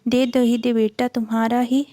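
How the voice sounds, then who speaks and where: A woman voicing a gentle, caring older father-in-law in a storybook reading, speaking with soft affection. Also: on the high side, level tone, normal speed, no room sound, natural voice. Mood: affectionate.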